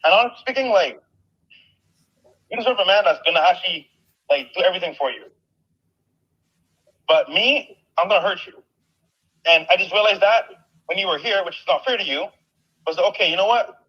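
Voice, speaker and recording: A man heard on a recorded phone call played back, talking earnestly and haltingly, repeating himself. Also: high-pitched, lively intonation, breathy edge.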